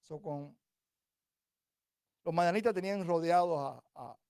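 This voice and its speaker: A man from Cuba delivers a sermon in a mellow, dark voice with a touch of height to it. He talks to his listeners conversationally and keeps checking in with them, then slows and swells when he reads scripture. The sound is dry and close. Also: fairly high pitch, clear, resonant tone, no echo. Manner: conversational, rhetorical "¿cierto?" checks; builds to louder, slower emphasis on scripture. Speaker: preacher.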